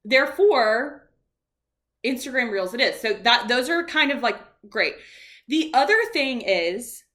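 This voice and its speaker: A woman in her thirties with a slightly raised pitch co-hosts a podcast. She talks in loose, wry banter, often poking fun at herself with a laugh. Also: animated, a little slow, fairly bright tone. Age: 30s. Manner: self-mocking, laughs often. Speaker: podcast co-host. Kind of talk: casual chat.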